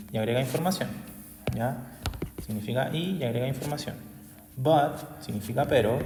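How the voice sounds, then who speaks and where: Teacher in an echoey room. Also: male voice, mid-range voice, darkish tone, slight background noise. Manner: constant tag questions, patient explaining. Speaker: English teacher. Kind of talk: explanatory class recap video.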